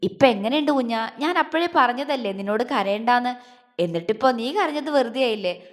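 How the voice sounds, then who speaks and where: A woman's voice: on the high side, lively intonation, a little fast, close to an everyday voice. A woman voicing an affectionate young husband who speaks tenderly and coaxingly. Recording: long hall reverb.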